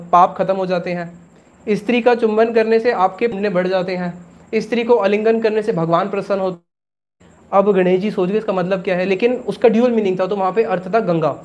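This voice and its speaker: High-voiced man teaching a scripture class. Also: a little mellow, lo-fi sound. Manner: explains with questions he answers himself; casual Hindi mixed with English words. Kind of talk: religious class lecture.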